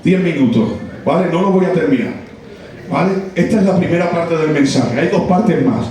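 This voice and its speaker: A man preaching a sermon, impassioned and building to shouts with repeated phrases. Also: fairly high pitch, expressive, normal speed. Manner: impassioned, rising to shouted, repetitive emphasis. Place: church hall. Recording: very echoey church hall, mic far off.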